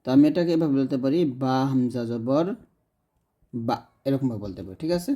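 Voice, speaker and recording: A man teaching Quran recitation in a tutorial lesson, patiently repeating each sound slowly and drawing it out. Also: mid-range voice, expressive, mellow. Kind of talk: tutorial lesson explaining letters.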